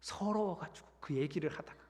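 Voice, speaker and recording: Brief: middle-aged male pastor, slightly high voice, animated storytelling sermon, long church reverb. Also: fairly quick. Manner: animated storytelling, acting out his own shouts. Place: church sanctuary.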